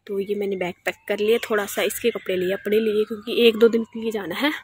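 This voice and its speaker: A young woman from Punjab, India, vlogging casually while unwell and short of sleep, talking quietly. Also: medium pitch, level tone, fast talker, slight background noise. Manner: soft, subdued talk, she speaks quietly. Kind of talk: casual vlog chat.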